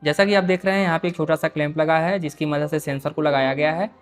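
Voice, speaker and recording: A man's voice: on the high side, fairly even intonation, quick pace, clear, resonant tone. A man hosting a repair tutorial, explaining each step patiently as he works and often calling his viewers dear friends. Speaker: repair video host.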